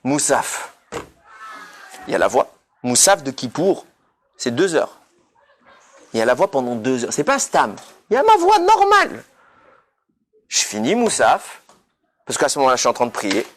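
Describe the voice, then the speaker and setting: A man's voice: mid-range voice, sing-song, normal speed, pauses often. A man giving a passionate sermon, emphatic and sprinkling in Hebrew terms. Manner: emphatic, rising to near shouts; mixes Hebrew terms into casual speech. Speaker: rabbi giving a weekly Torah talk.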